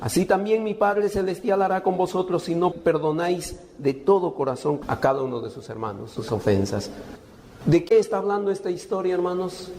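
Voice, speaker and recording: Male pastor, sermon, high voice, asks and answers his own questions, long hall reverb. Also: mellow, slight background noise. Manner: asks the congregation questions and answers them himself.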